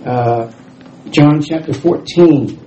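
Captured in a muffled recording, a middle-aged man from Houston speaks slowly at a fairly high pitch, his scratchy voice warm in tone. As a guest speaker and former missionary, he gives a casual church-hall sermon, self-deprecating and full of restarts.

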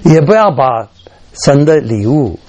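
A middle-aged man preaching a sermon, telling stories in an animated way, scattering English fillers through his speech, his voice leaping up when he acts out strong feelings. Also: measured pace. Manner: animated storytelling, voice jumps high when acting out emotion.

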